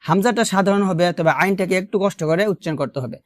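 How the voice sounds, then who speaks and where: A man teaching how to recite verses, drawing out syllables slowly and repeating each sound for the listener to copy. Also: sits high, dry recording. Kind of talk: recitation lesson.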